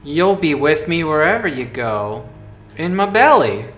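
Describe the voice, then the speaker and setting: A man voicing a dopey, hungry giant in a slow cartoon bellow for a tabletop game. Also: fairly high pitch, sing-song, a bit bright. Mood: gloating, hungry. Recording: echoey room, faint music behind.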